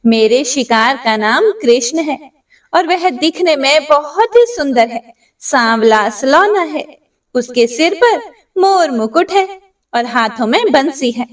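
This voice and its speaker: A woman voicing a gentle, devout holy man who speaks with pleading devotion in a told story. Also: sits high, expressive, takes it slowly, far from the mic.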